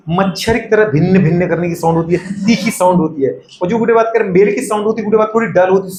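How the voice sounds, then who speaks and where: Male teacher, quick talker, lecture style, constantly checks if students understand, echoey room. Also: sits high, a little mellow. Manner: keeps asking students if they follow and calls them "beta"; repeats a verbal filler phrase constantly. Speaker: medical entrance teacher. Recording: echoey room with faint background noise.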